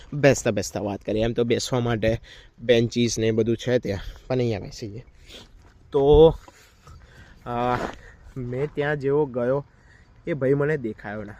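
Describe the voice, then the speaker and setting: A man's voice: medium pitch, a little mellow. A man telling a story in a casual vlog, talking straight to his viewers while outdoors in a park. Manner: chatty, addresses viewers directly. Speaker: vlogger.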